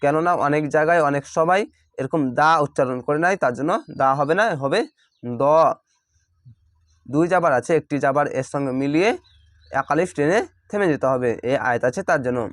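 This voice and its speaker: A man teaching recitation, chanting each word slowly and then patiently spelling it out syllable by syllable. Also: on the high side, no room sound, clean studio sound. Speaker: Quran reading teacher.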